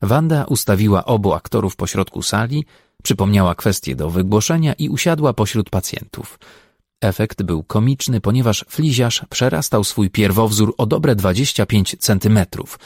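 Husky, low-voiced male narrator. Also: animated, moderate pace, a little mellow, no echo, studio quality. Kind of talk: audiobook narration.

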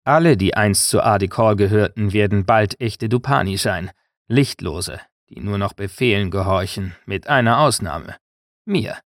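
A man's voice: lowish voice, normal speed, no room sound, clean studio sound, close to an everyday voice. A man voicing a malicious, smug one-eyed male traitor, in a menacing manner. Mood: gloating.

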